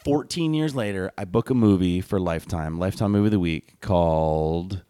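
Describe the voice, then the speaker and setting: Animated man telling a long story. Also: low-pitched, moderate pace, smooth, no echo. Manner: animated storyteller, acts out quoted voices loudly. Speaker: podcast guest, actor. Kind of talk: casual storytelling chat.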